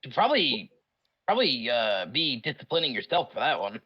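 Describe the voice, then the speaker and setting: A tabletop player answering in character with wry, laid-back replies and a lively, swooping pitch. The voice comes through a muffled, lo-fi mic. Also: fairly quick, slightly rough. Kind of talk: in-character tabletop role-play.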